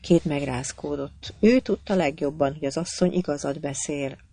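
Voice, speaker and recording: A narrator reading a novel aloud in a measured, steady storytelling manner. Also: medium pitch. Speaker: audiobook narrator. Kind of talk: scripted narration.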